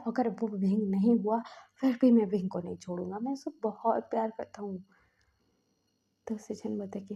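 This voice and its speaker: A woman's voice: medium pitch, gravelly, mellow, slightly rough, muffled recording. A woman casually retelling a romance fan story, quoting every character in her own voice.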